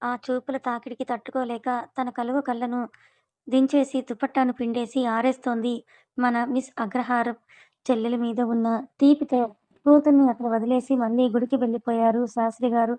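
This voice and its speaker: A woman's voice: on the high side, flat delivery, a little fast, warm tone. A woman narrating a story and voicing its characters, with chatty, affectionate asides to the listener.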